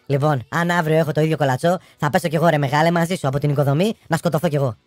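Guy doing a low slow grumbly builder dude. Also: fairly even intonation, no room sound, faint music behind, lightly acted. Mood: grumbling. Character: bored Italian male builder.

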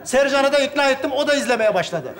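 A man's voice: very high-pitched, lively intonation, fast talker, a crowd in the background. A man acting in a stage comedy sketch, laughing while he tells a long tale. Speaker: sketch comedy actor playing a friend.

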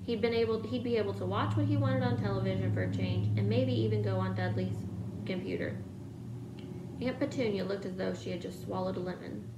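A woman's voice: medium pitch, brisk, creaky, echoey room, heavy background noise. A woman reading a novel aloud, telling the story steadily. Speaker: reader.

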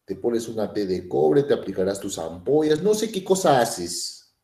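A man's voice: mid-range voice, very animated, moderate pace, vocal fry, warm tone, roomy sound. A man voicing a small, boastful, domineering male pinworm. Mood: smug.

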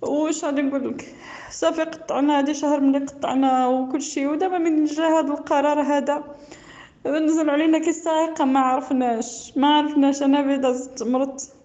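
A woman's voice: high voice, fairly even intonation, a little fast, warm tone. A Moroccan woman calling in over a landline phone, tearful and pleading, who repeats her phrases and breaks off her words. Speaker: caller. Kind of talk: emotional call-in complaint. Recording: dull lo-fi phone line.

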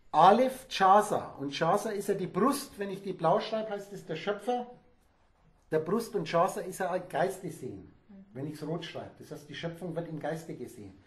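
A man giving a spontaneous, rambling lecture to a small audience, emphatic and digressive. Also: high-pitched. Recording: echoey room.

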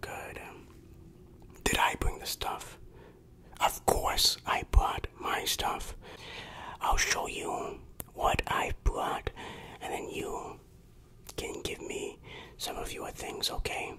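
Playing a secretive, bossy underground dealer, an ASMR performer speaks in a breathy whisper. It's a hushed roleplay delivered slowly, with phrases that repeat.

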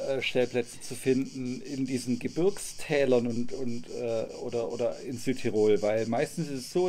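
A man's voice: mid-range voice, a little mellow, a little hiss or hum. A man in his thirties with a German accent, a travel vlogger chatting outdoors at a garden table about a trip, often restarting his sentences. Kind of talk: casual travel recap.

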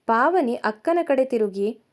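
A woman narrating a romance story in a calm, measured storytelling manner. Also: fairly high pitch.

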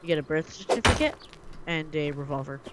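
A man's voice: a little high, lively intonation, a little fast, very noisy. A man chatting with friends while gaming, easygoing and agreeable. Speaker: teammate in game. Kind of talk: casual gaming chat.

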